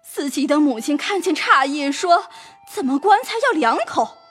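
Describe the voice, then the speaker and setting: A woman's voice: sits high, animated, normal speed, fairly bright tone, soft background music. A woman playing a servant woman who pleads with her mistress and tells a long sad story. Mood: pleading. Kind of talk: audio drama acting.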